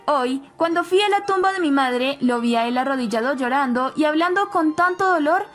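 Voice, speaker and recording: An angry, tormented young man pressing for the truth, as a woman reading a recap gives his lines. The voice stays fairly high and agitated. Quiet music sits underneath. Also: animated, moderate pace. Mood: demanding. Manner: demanding, agitated.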